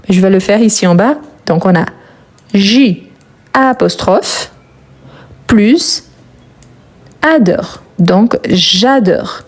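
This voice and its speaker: A woman teaching French grammar, repeating each step with slow, careful dictation and brief encouragement. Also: medium pitch, darkish tone. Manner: slow, deliberate dictation with repetitions. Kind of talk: grammar lesson, spelled out slowly.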